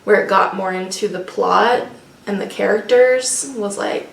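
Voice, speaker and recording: Thinking aloud in hesitant, unscripted chat, this co-host of a book discussion vlog speaks at a measured pace in a gravelly mid-range voice. The mic is distant, and the room is echoey with faint noise.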